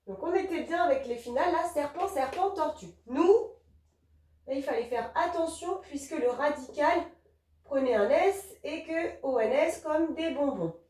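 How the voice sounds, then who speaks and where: A woman teacher patiently explaining a grammar lesson to young children, gentle and encouraging, spelling out letters one by one. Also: high-pitched, normal speed, roomy sound, distant mic.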